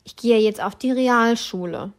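Young female co-host, casual, animated storyteller, slightly high voice. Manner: animated storytelling, quick bursts, often laughing. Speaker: podcast co-host. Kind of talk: casual chat.

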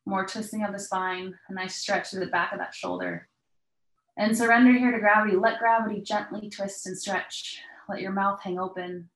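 A woman instructor guiding a stretching class with breathing cues in a calm, measured, step-by-step manner. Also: medium pitch. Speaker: yoga and mobility instructor. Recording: echoey, roomy sound.

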